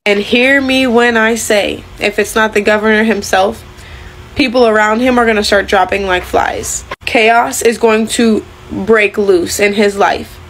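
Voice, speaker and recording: A woman speaking like a preacher, solemn and deliberate, delivering a foreboding warning of divine judgment. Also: medium pitch, fairly even intonation, a bit bright, a little hiss or hum, low-quality recording. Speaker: religious commentator. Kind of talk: prophetic sermon-like warning.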